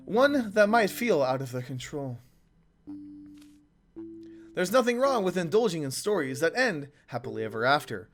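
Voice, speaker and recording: A hoarse man reading a game's sincere, reflective storybook figure aloud. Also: high-pitched, fairly bright tone. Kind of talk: reading game dialogue aloud.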